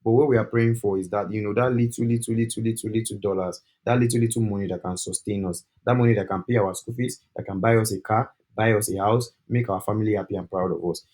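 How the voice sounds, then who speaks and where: A young man with a Nigerian accent speaks quickly in a low voice. He talks on a group call in an animated, persuasive way and often switches into pidgin. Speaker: study-abroad agent.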